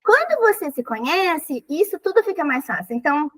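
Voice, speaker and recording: High-voiced expressive Brazilian-podcast woman. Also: moderate pace, low-quality recording. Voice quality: thin high voice. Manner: animated and expressive, acts out little quotes. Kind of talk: casual conversational advice.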